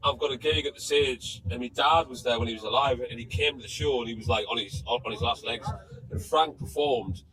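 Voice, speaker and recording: A man's voice: mid-range voice, a little fast, bright, forceful tone, rough recording. A man with a Sunderland Mackem accent, telling anecdotes in casual, sweary, matey chat as a musician guest. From Sunderland, England.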